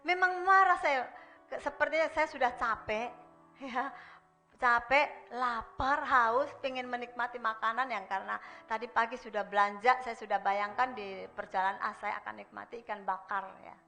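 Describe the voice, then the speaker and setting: A woman preaching a sermon, speaking straight to the congregation and swinging between emphatic and hushed delivery. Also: on the high side, normal speed, soft background music. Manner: constantly addresses the congregation directly.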